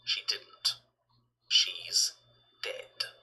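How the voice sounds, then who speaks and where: A man's voice: drawn-out words, pushed and bright, exaggerated voice. A man voicing an exasperated, dismissive video game narrator with eye-rolling sarcasm. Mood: exasperated, sarcastic. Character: exasperated, impatient male narrator, insisting and dismissive. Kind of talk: dramatic video game voice acting.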